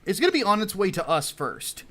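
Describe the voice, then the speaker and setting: A man hosting a casual livestream for his comic launch, excitable, laughing often and swearing freely. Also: high voice, fairly quick. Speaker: comic book writer hosting a launch stream.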